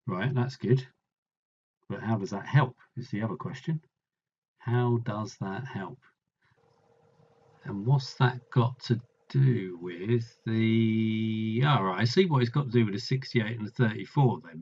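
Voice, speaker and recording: A man's voice: on the low side, a little mellow, dull audio. A man tutoring, thinking aloud as he works through a maths problem, musing and trailing off mid-sentence.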